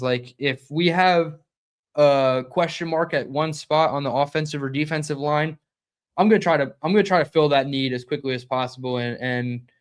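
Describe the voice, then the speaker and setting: A young man hosting a live-streamed sports reaction show, talking fast and conversationally and reading out chat comments. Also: mid-range voice, smooth. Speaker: podcast host.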